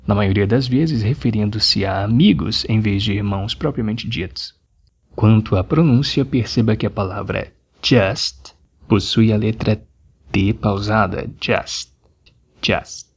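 A man with a Brazilian Portuguese accent teaching English, slowly repeating phrases to drill their pronunciation. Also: on the low side, husky. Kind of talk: scripted language lesson.

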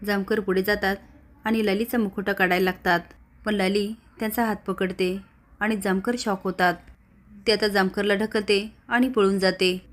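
Flat-voiced woman narrating a serial recap. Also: medium pitch, moderate pace. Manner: plain, steady narration.

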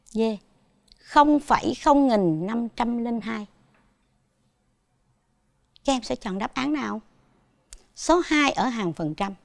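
A woman's voice: a little high, animated, slow, creaky, long pauses, dry recording. A woman with a Southern Vietnamese accent teaching a televised primary school math lesson, patiently asking her pupils questions as she goes.

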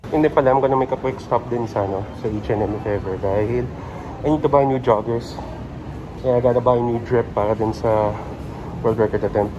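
A man's voice: mid-range voice, fairly quick, dull audio. Filipino guy vlogging through a face mask, rambly, lots of um and so, busy street noise behind. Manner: chatty, thinking aloud with many fillers. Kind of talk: casual walking vlog, mixing Tagalog and English. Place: busy outdoor mall area in a city. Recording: noisy street ambience with traffic.

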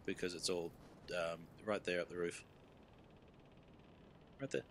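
Jokey male let's-play co-host, fairly low voice with a bright edge. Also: flat delivery, measured pace, slight background noise. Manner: jokey storyteller, bursts into loud laughs. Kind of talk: casual gameplay chat.

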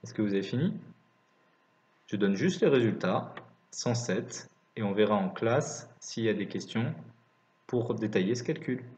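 A man's voice: fairly low pitch, animated, normal speed, a little mellow. A man teaching maths in a scripted lesson narration, dictating calculations piece by piece. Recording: roomy, slightly dull recording.

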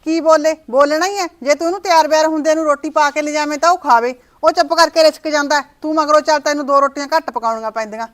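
A woman acting as a sharp-tongued mother-in-law who scolds without pause, her voice high and her words rattling out fast. It is a short-film drama with a domestic setting. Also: natural voice. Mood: scolding. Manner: scolding, nagging.

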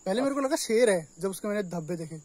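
A man's voice: high-pitched, lively intonation, fast talker, a little mellow, no echo. A young man joking with a friend outdoors during a casual motorbike trip. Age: young adult. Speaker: riding companion. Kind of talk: casual chat. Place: outdoors on a hilly road.

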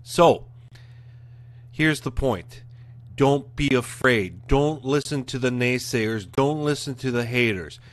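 A man's voice: medium pitch, lively intonation, slow pace, dry recording. A man in his forties ranting bluntly to camera as a show host, speaking into a studio mic in his living room. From Canada. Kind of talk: casual rant to camera. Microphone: studio mic in front of webcam.

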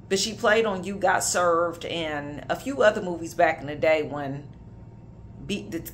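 Woman minister, thirties, emphatic prophetic preaching to camera, faint low rumble behind. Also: a bit bright. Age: 30s. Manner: emphatic preaching with casual asides.

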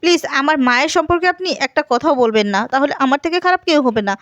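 A woman's voice: high-pitched, expressive, racing, dry recording, lo-fi sound. A woman voicing an indignant, powerful middle-aged man making angry demands.

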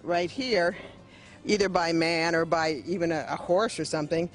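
A middle-aged woman museum guide answers a TV reporter's questions in a friendly, explanatory way inside a large hall, speaking at normal speed in a lowish voice. Her interview answers are picked up on the reporter's handheld mic, with soft music in the background.

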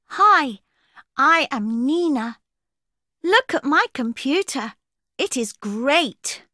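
A woman voicing cheerful young schoolchildren in children's coursebook audio, speaking simply and slowly, as if reading to a toddler. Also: high voice, expressive, bright, forceful tone, no room sound, full character voice. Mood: cheerful, eager. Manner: slow, simple, clearly spaced delivery, as if reading to a toddler. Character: cheerful young schoolchildren showing off their toys.

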